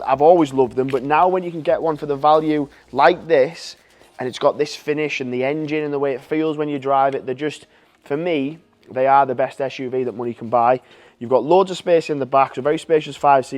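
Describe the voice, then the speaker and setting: A man giving an enthusiastic, chatty walkaround sales pitch for a car. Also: a little mellow.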